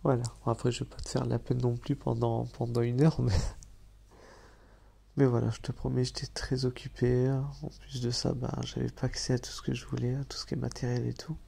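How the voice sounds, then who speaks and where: A man with a nasal, slightly hoarse voice, speaking softly and hesitantly in a whispered role-play. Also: mid-range voice, level tone, brisk. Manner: hesitant, soft, apologetic, with many fillers and soft laughs.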